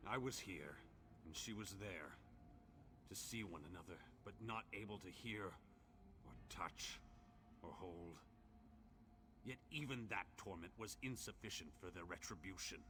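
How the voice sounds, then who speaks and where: A man's voice: low voice, unhurried, pauses often, noisy background. An actor playing an ancient imprisoned orc in a fantasy game, bitter and lovelorn, telling his tale in solemn, archaic, theatrical speech. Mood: sorrowful, bitter. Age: old. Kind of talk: dramatic fantasy game dialogue.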